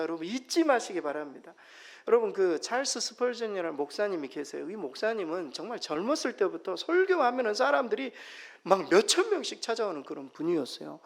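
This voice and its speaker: A man preaching a Sunday sermon as pastor, emphatic, moving between loud exclamations and soft near-whispers. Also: sits high, vocal fry. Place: church sanctuary. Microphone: microphone.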